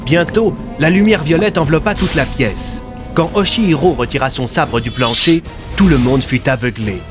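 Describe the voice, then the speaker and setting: A man's voice: a little high, moderate pace. Man narrating an audio story. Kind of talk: scripted dramatic narration. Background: faint music.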